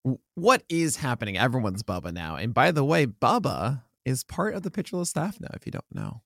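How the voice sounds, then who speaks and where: A man co-hosting a podcast in casual chat, slightly hoarse, rambling and correcting himself as he goes. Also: mid-range voice, big pitch swings, brisk, a bit bright, no echo, clean studio sound. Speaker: podcast co-host.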